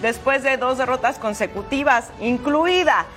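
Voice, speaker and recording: A woman hosting a sports show, narrating match highlights with playful, chatty asides. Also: normal speed, fairly bright tone, faint music behind.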